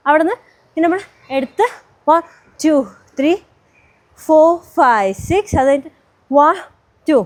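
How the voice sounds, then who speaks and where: A woman teaching a dance step by step, counting beats aloud and singing song lines slowly as cues. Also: high voice, expressive.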